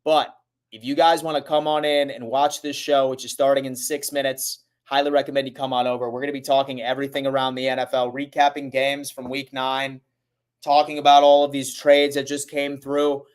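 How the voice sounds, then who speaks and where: A man hosting a casual sports livestream, talking to his viewers in a hurried, urgent way. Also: medium pitch, flat delivery, clear, resonant tone.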